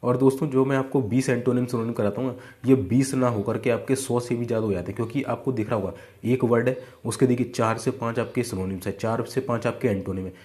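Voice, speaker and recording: A man's voice: mid-range voice, fairly even intonation, quick pace, hardly any pauses, a little mellow. A young adult man teaching exam vocabulary in a casual, conversational way, often checking in with his students. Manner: conversational, repeats 'है ना' and 'ठीक है'. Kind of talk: casual Hindi lesson.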